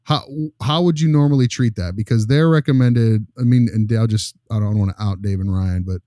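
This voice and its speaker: With a low-leaning, mellow voice and a brisk pace, this man hosts a casual panel discussion of clinical cases in studio-quality audio with no room sound. He's informal and blunt, pressing the others with questions.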